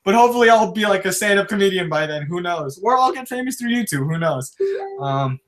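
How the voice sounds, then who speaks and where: A young man with a notably high voice hosts a casual podcast. He rambles, gets excited and swears freely, often short of breath. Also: a little fast. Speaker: podcast host. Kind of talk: casual chat.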